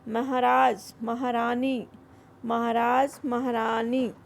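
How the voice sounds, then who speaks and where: A woman teaching a Hindi grammar worksheet speaks in a slightly high, creaky voice with little pitch movement. She goes slowly over each word, drills its right form, and mixes in some English.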